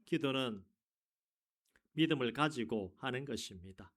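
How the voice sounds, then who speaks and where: A male pastor preaching a sermon, asking the congregation rhetorical questions and rising to loud emphasis on key words. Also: medium pitch, lively intonation, measured pace.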